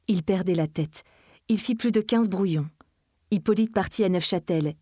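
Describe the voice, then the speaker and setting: A woman reads a classic novel aloud in a measured, dramatic way. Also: lowish voice, darkish tone, no room sound, studio quality. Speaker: reader. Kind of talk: literary reading.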